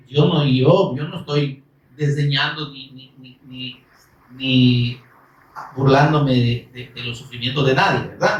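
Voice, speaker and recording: A high-pitched man preaching with lively swings from loud calls to soft asides. He acts out the grumbling of his listeners, and his voice comes from a distance in a roomy, echoing space. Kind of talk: sermon.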